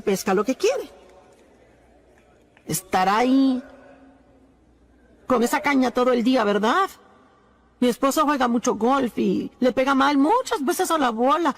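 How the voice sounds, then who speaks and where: A woman voicing a preacher in a dubbed sermon, earnest and emphatic, with pauses and repeated phrases. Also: high-pitched. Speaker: Spanish voice-over of a preacher.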